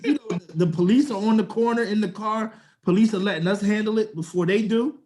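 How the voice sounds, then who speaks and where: Young male co-host, high voice, animated slangy storyteller. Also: fairly quick. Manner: animated storyteller, slangy, acts out quotes in a raised voice. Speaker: podcast co-host. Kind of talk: casual storytelling chat.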